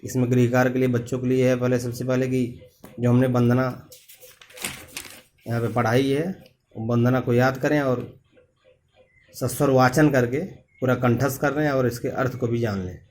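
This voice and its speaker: A male teacher talking his pupils through a lesson at a mid pitch. He works through each point slowly and repeats key terms, pausing often as he goes. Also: fairly even intonation, a little mellow, slight background noise. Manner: slow, repetitive explaining with many pauses. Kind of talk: classroom lesson.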